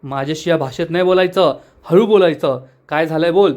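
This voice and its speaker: A man's voice: a little high, fairly quick, a little mellow, natural voice. A man voicing a scheming, bossy woman of the house who gives curt orders. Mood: stern scheming. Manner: curt, commanding.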